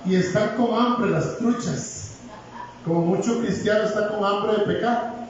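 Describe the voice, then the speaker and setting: A man delivers a lively, joking sermon in a high voice. He is picked up from afar in a very echoey church hall. The sound is dull, with a faint hiss underneath. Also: unhurried, distant mic. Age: 60s. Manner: humorous, animated, jokes with congregation. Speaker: preacher.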